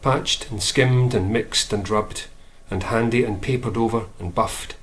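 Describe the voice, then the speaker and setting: A man, a poet, reading his own poems aloud in a measured way, lifting his voice for emphasis. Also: lowish voice, steady tone, fairly bright tone. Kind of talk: poetry reading.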